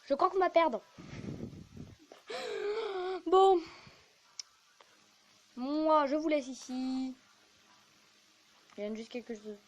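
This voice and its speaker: A woman's voice: high-pitched, lively intonation, slow, long pauses, slight background noise. A woman giving casual, rambling gameplay commentary as a YouTuber, chatty and self-mocking. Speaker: gaming YouTuber.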